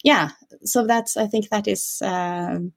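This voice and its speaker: A woman in her forties from Norway with a Norwegian accent, a guest answering interview questions with many pauses, fillers and restarts. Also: medium pitch, steady tone, gravelly.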